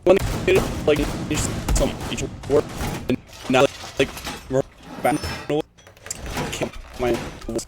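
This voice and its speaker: A man speaking as an esports caster over an online voice call, his audio choppy and cutting in and out, so his phrases come through halting and fragmented. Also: medium pitch. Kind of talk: casual chat over voice call.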